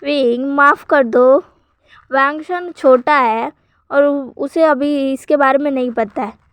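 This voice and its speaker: A woman voicing a gentle young husband and father who soothes his family in a read-aloud story. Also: high voice, slow, no echo. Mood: soothing.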